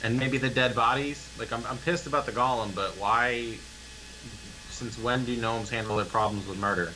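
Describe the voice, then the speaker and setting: A man's voice: mid-range voice, moderate pace, sharp tone, a little hiss or hum, rough recording. A young man playing a tabletop game, talking casually with some hesitation. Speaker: player. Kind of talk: casual tabletop role-play.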